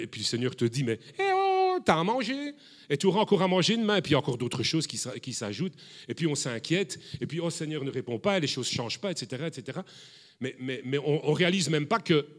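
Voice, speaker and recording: Animated French-speaking male preacher. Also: mid-range voice, slightly rough. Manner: animated, repeats words, asks the congregation questions. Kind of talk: lively sermon.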